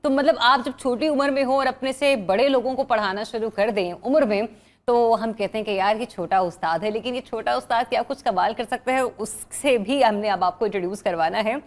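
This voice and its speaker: A young woman with a Pakistani accent hosting a TV morning show, chatty and lively, slipping English words into her talk. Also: on the high side, fairly quick. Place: TV studio.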